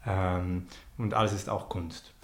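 Man, Swiss accent, low pitch, relaxed, filler-heavy storytelling, roomy echo. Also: measured pace. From Switzerland. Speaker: podcast guest, performance artist. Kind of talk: casual conversation.

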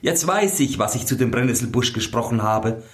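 A man's voice: medium pitch, expressive, brisk, voice pushed up, close to an everyday voice. A man voicing an ugly, scheming young bride who scolds shrilly. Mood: haughty. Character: false bride, ugly young woman, scheming and short-tempered.

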